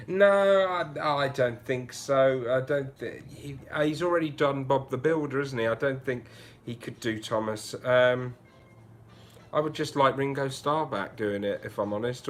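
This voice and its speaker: A man hosting a relaxed livestream, chatting through viewer comments one by one. His voice sits at an everyday middle pitch. He thinks out loud, trailing off and restarting as he goes. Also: moderate pace, a little hiss or hum. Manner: chatty, musing aloud with frequent restarts. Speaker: livestream host. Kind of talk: casual livestream chat, reading viewer comments.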